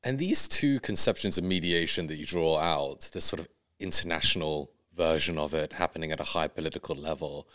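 A man's voice: deep voice, sharp tone. A man hosting a podcast, who reads a scripted introduction and asks long, composed questions. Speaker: podcast host.

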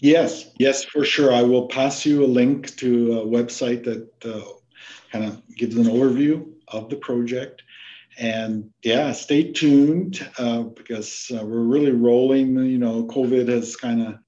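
A man from Canada, a researcher guest on a podcast interview, who explains his work in a halting way with many fillers and restarts. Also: medium pitch, steady tone, dark tone, muffled recording. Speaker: plant disease researcher, guest.

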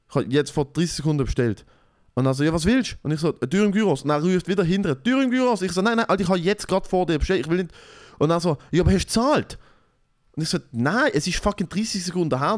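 A young man with a Swiss German accent in casual chat, telling a story with lots of swearing and acting out what others said. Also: on the high side.

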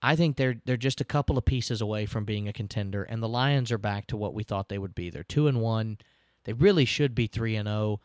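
A man's voice: on the low side, fairly quick, darkish tone, dry recording, studio quality. A man, hosting a casual sports podcast, recapping games in a chatty, self-deprecating way and laughing now and then.

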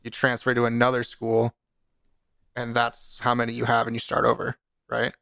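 A young adult man with a creaky, mid-pitched voice that stays quite flat. He talks casually, and the sound is dry and close. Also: normal speed, no echo. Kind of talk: casual chat.

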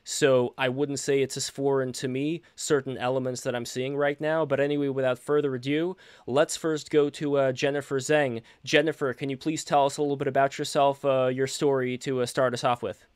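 Smooth, flat-toned male stream host. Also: mid-range voice, fairly quick, few pauses, no echo, studio quality. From Soviet Union. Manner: upbeat, filler-heavy introductions. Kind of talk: casual live stream hosting.

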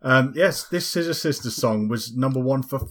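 A man's voice: mid-range voice, normal speed. Guy hosting a football chat podcast, dry teasing humor, laughs a lot. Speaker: podcast host. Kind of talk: casual chat.

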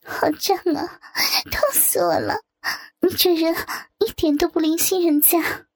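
A woman voicing a coy, giggling young woman in a breathy, playful, whining voice. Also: high voice, steady tone, measured pace, dry recording. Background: soft guitar music.

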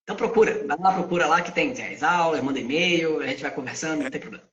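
A man teaching Vedanta ideas, who poses questions to himself and answers them in a lively spoken lesson. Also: a little high, fast talker. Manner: asks and answers his own questions. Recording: echoey, dull lo-fi sound.

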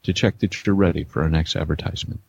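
Male host, very low husky voice, mock pilot announcement, dull dry sound. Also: steady tone, fast talker, dry recording. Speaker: podcast host.

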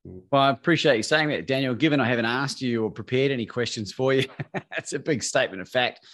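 A man's voice: medium pitch, lively intonation, brisk, fairly bright tone. A man hosting a podcast interview in a friendly, joking way. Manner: friendly, joking, laughs easily. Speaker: podcast host. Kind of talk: conversational interview.

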